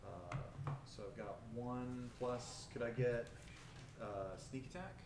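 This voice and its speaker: A man asks the game master hesitant questions about the rules at a tabletop game. His voice is a little far from the mic in an echoey room, with a rumble behind. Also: slow. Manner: hesitant, many fillers. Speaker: player. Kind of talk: casual tabletop game chat.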